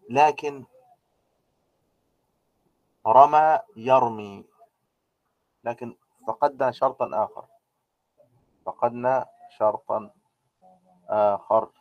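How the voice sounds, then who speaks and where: Male teacher, mellow tone, dry close sound, patient step-by-step explainer. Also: medium pitch, dry recording. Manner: explains step by step, with many "aah" fillers and rhetorical questions. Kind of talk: grammar lecture.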